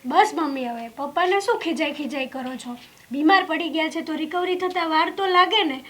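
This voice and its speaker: A woman playing a high-voiced, hardworking young daughter. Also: brisk, a bit bright. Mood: reassuring. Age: young adult. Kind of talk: Gujarati short film drama.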